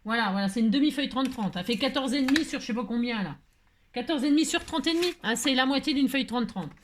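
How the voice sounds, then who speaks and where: A middle-aged woman hosting a chatty crafting tutorial, talking loudly and joking with her viewers as she works. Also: sits high, lively intonation, fast, noisy background. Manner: loud, playful, talks to viewers, jokes.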